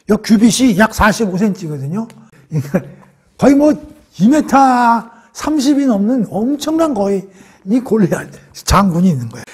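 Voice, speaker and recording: A man teaching a Bible lesson in a lively storytelling way. His voice sits fairly high and has a husky edge. He keeps asking his listeners questions and then answers them himself. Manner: lively storytelling, acting out quoted lines. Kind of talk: Bible study lecture.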